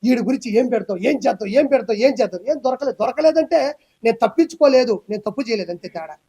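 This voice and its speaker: A man, ranting loudly and emphatically as a guest in a heated political interview. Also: very high voice, animated, very fast, breathy edge. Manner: loud, emphatic, repetitive ranting.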